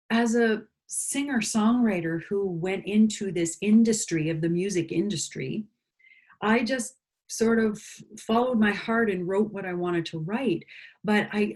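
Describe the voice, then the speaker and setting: A Canadian woman, a singer-songwriter appearing as an interview guest, speaks earnestly and with conviction. Her voice sits at a medium pitch with a somewhat dark tone, and the talk is a reflective conversation.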